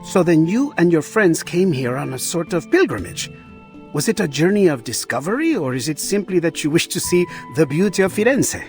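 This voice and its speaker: A man's voice: a little high, big pitch swings, normal speed, darkish tone, soft background music. A man voicing a courteous, protective Renaissance inventor in a game cutscene. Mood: curious. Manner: gallant, sprinkles Italian address. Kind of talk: video game cutscene dub.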